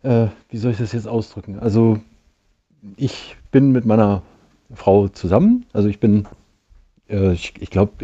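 A man's voice: lowish voice, mellow, breathy edge. A man calling in to a live show over a phone line, hesitant and searching for words. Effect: call-in voice over a phone line. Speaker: caller. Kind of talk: call-in chat on a live show.

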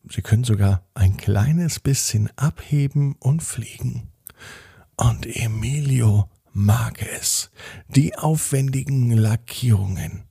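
A man narrating a bedtime story in a gentle, expressive way. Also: medium pitch, gravelly, slightly rough, no room sound, studio quality.

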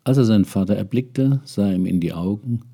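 A man's voice: fairly low pitch, a little fast, warm tone, husky. An older man telling a story, musing and speaking straight to his listeners. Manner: musing, addresses listeners directly. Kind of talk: reflective spoken essay and story reading.

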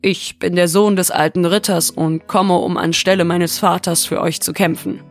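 A woman's voice: lowish voice, fairly even intonation, moderate pace, soft background music, natural voice. A woman voicing a brave, determined youngest daughter in a fairy tale, speaking earnestly and boldly. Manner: earnest, bold.

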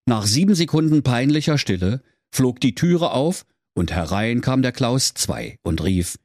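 A man's voice: mid-range voice, animated, unhurried, a little mellow, no room sound, studio quality. A man narrating a comic fairy tale in a playful storyteller tone. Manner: storyteller tone, playful, addresses children.

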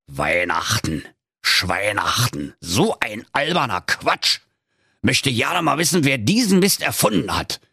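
A man's voice: mid-range voice, big pitch swings, takes it slowly, gravelly, pushed and bright, husky, no echo, clean studio sound, voice pushed up, exaggerated voice. A man voicing a cantankerous stingy old male miser with a Berlin accent, grumbling and scolding.

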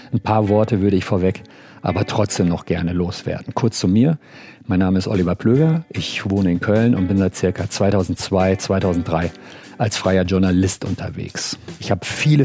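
A man's voice: on the low side, warm tone. A man hosting a podcast in a chatty, colloquial way, introducing and interviewing. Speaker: podcast host, freelance journalist.

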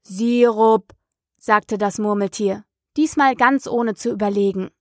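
A woman narrating an audiobook of a children's classic in a slow, measured reading. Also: mid-range voice, no echo, clean studio sound. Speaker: storyteller.

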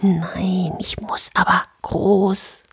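A woman voicing a young boy hiding in a tree, in whispered role-play with a slow, breathy whisper. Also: medium pitch, little pitch movement, voice pushed up, exaggerated voice. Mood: anxious.

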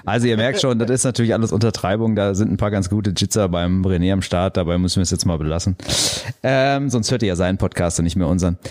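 A man's voice: low voice, fast talker, a little mellow. A man hosting a podcast in casual chat, joking and teasing his guests. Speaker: podcast host.

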